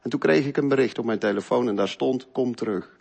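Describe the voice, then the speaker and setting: A middle-aged man telling an earnest, emotional personal faith testimony, moving between loud stretches and hushed ones. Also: mid-range voice, fast, creaky. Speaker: speaker giving a faith testimony.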